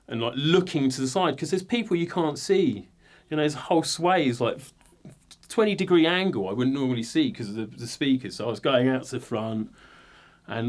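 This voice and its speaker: A middle-pitched English man in his forties, a working guitarist. He tells his stories loosely and with self-deprecating humour, and he keeps filling the gaps with "like" and "you know". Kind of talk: relaxed interview storytelling.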